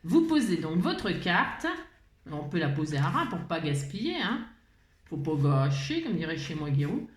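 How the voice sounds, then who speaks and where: In a roomy, echoey recording with faint background noise, a woman leads a casual crafting tutorial. Her voice is low and sing-song at normal speed, and she rambles, changes her mind mid-sentence, and chuckles often.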